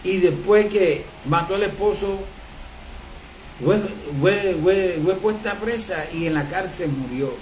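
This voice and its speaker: A high-pitched man delivers an impassioned sermon, circling back on his phrases with a preacher's cadence. His voice rings around an echoey room. A faint ambient hum sits underneath. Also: slow, darkish tone.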